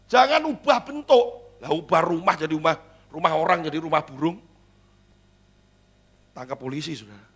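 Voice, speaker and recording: A middle-aged pastor preaching a sermon in a church, swinging between loud exclamations and quiet, chatty asides, acting out little dialogues. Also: male voice, fairly high pitch, animated, moderate pace, pauses often, breathy edge.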